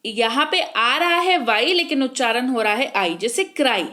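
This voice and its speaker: A woman with a slightly high voice gives a spelling lesson. She spells words out slowly, letter by letter, and keeps checking that her listeners are following along. Her delivery is patient and explanatory. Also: lively intonation, bright, forceful tone. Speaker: English teacher.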